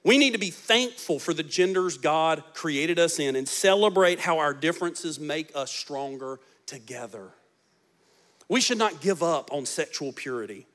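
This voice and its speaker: Holding a handheld mic on a large church stage, a man in his forties preaches as pastor, animated and at a moderate pace. His voice rises to loud emphasis, then drops to soft, low tones.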